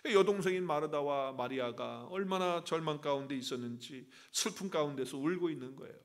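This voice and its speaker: A man's voice: on the high side, brisk. A male pastor preaching a sermon, telling a story with rhetorical questions he answers himself. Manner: animated storytelling preacher, asks and answers his own questions. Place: church.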